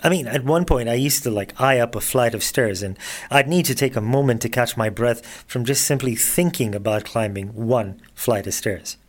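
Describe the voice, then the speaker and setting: A man's voice: medium pitch, normal speed. A man in his forties hosting a podcast, telling his own story in a chatty, self-mocking monologue full of conversational asides. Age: 40s. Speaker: podcast host. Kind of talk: casual personal monologue.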